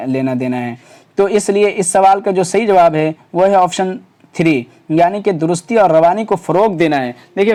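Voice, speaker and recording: A man's voice: a little high, a little mellow. A man teaching exam preparation in Urdu. He works through past paper questions option by option, with many fillers, restarts and rhetorical questions.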